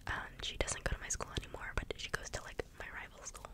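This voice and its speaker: Young person doing asmr, all breathy whisper no real voice, just rambling casually and going off on tangents. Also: fast talker. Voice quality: soft, breathy, unvoiced whisper. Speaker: ASMR video creator.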